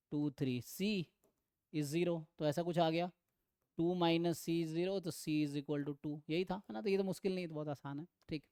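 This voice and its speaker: A man with an Indian accent gives a statistics lesson in Hindi and English, talking slowly through the problems and reading each question aloud with care. His voice is mellow and smooth. The sound is dry and close to the mic. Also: on the high side, no room sound. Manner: mixes Hindi and English, reads questions out slowly, repeats phrases with "है ना". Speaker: statistics teacher. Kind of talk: online exam-prep lecture solving past questions.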